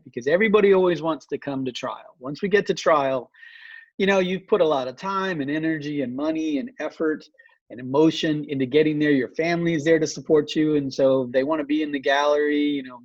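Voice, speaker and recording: A man's voice: mid-range voice, no echo, highs cut off. A man co-hosting a casual law podcast, telling a long courtroom anecdote full of "you know"s. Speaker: family law attorney, podcast co-host. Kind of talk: casual storytelling chat.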